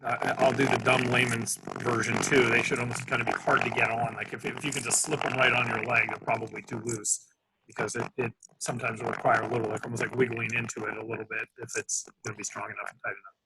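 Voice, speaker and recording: A man's voice: mid-range voice, little pitch movement, quick pace, vocal fry. A man hosting a video call, hesitant and talkative, with many ums and repeated words. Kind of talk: casual video call chat. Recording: noisy video call audio.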